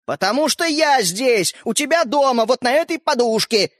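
A man's voice: very high voice, expressive, a bit bright, no echo, studio quality, pitched above the performer's own voice. A man voicing a touchy boastful tiny fairy-tale man. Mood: urgent. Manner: huffy, lecturing, quick to take offence.

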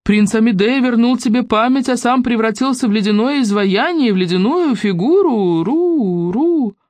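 A reader voicing a booming, gloomy forest echo. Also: expressive, moderate pace, a little mellow, natural voice. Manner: repeats word endings, booming.

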